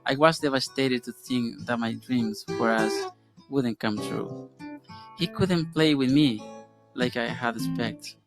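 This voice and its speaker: A man from El Salvador narrates his story as a father in an earnest, measured way. Clear plucked guitar plays behind his voice in this played-back video. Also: mid-range voice. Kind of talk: scripted personal narration. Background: guitar music.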